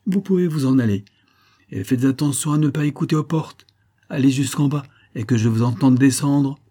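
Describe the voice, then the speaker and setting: A man's voice: mid-range voice, a little fast, slightly rough, pitched above the performer's own voice. A man voicing a proud, composed noblewoman. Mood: commanding. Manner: calm, commanding. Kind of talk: audiobook character reading.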